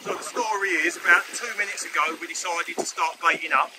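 A man's voice: fairly high pitch, fairly even intonation, fairly quick, recorded from a distance. A man hosting a fishing vlog, chatting casually and laughing on a windy reservoir shore. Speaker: vlog host and angler. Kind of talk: casual outdoor vlog chat. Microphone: action camera mic in strong wind. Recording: loud wind noise outdoors.

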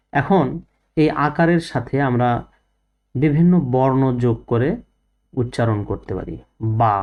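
A man's voice: medium pitch, lo-fi sound. A man teaching a first-grade reading lesson, patiently asking questions and answering them himself.

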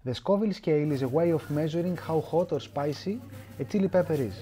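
Man doing voice-over, mellow and a bit high, even explaining. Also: quick pace. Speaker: narrator. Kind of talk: scripted narration.

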